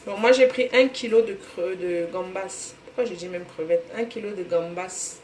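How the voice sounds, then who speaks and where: Greeting viewers by name, this cooking livestream host chats casually from her home kitchen in a Cameroonian French accent. Her voice is low and darkish at a moderate pace, and the room adds echo and faint noise.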